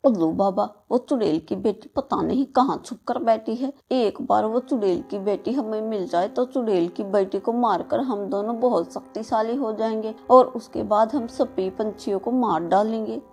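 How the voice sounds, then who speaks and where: A bold female crow taunts her enemies, played by a woman. Her voice is fairly high and mellow. Faint music sits under this cartoon scene. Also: normal speed, hardly any pauses, close to an everyday voice. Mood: taunting.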